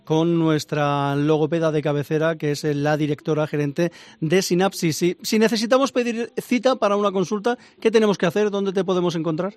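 A man hosts a radio interview on a close studio microphone. His voice sits slightly high and sounds dry, with no room around it. He asks his questions courteously and keeps them lively. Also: a little fast, no room sound. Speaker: radio host.

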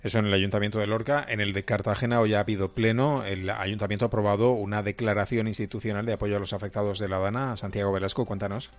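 A man presenting regional radio news, reading in a brisk, steady newsreader manner. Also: fairly low pitch.

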